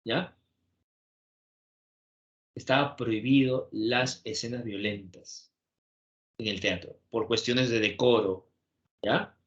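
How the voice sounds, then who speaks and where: A male teacher giving an animated classroom lecture, constantly adding tag questions to check his listeners follow. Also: medium pitch, slow, long pauses, highs cut off.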